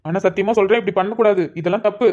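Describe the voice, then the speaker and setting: A woman's voice: mid-range voice, fairly even intonation, very fast, darkish tone, lo-fi sound, natural voice. A woman voicing a young man, a would-be police officer who teases and coaxes his tearful sweetheart in a cartoon love story. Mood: gentle. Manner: affectionate teasing, coaxing. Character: young man, police aspirant, teasing but tender fiancé. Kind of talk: cartoon voice acting.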